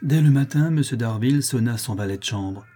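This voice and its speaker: A male audiobook narrator reading a classic novel in a measured, even way. His voice is mellow and dark with a husky edge. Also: mid-range voice. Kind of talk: scripted narration.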